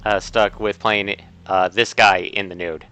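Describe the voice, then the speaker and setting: A man's voice: fairly low pitch, fairly even intonation, a little slow, sharp tone. A man streaming a video game, chatting casually with a co-host and rambling with lots of filler words and restarts.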